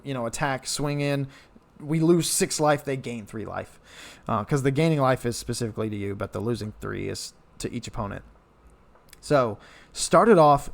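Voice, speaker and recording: Young guy w a gravelly voice rambling thru a card game story, mid pitch. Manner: rambling, self-correcting, animated retelling. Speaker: card game content creator. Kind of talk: casual storytelling recap.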